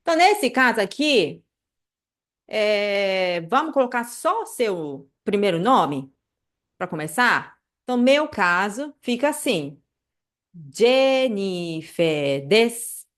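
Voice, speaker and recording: A chatty woman, teaching a relaxed live class over a computer mic. Her voice sits in a middle pitch and she keeps checking in with her students as she explains. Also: measured pace. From Brazil. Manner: chatty, many fillers like "né" and "tá", animated asides. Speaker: Japanese language teacher.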